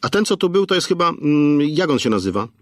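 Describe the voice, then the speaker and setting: A brisk young woman biker asks curious questions. A man voices her pitched high over his own voice, with a dry, close audiobook sound. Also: big pitch swings, no echo.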